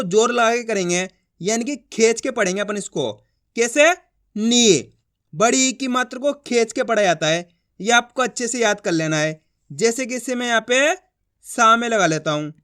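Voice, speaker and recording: A man teaching a reading lesson step by step, drilling with repeated questions and answers and stretching syllables out slowly. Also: extremely high pitch, bright, forceful tone, clear, resonant tone.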